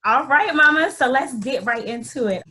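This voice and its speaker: Upbeat woman hosting a chat show, kinda high voice, hyping everyone up. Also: moderate pace. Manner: lively, hyping up her guest. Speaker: host. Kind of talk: casual inspirational talk show.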